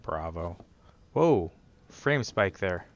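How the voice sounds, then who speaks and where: A man's voice: deep voice, sing-song, extremely slow, highs cut off. A man streaming a video game, chatting casually and muttering to himself as he adjusts his stream settings. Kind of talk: casual gaming stream chat.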